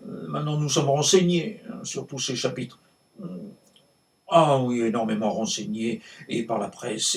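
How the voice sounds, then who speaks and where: A world-weary, cantankerous male novelist, played by a man on stage holds forth in a creaky voice. The delivery is hammy and theatrical, halting and repeating itself before leaning hard on key words. The microphone sits some distance away. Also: medium pitch, natural voice. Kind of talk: theatrical monologue performed in a conversational ramble.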